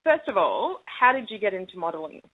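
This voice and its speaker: A woman's voice: mid-range voice, very animated, brisk, phone-quality sound, slight background noise. A woman interviewer asking short, friendly questions in a casual phone chat.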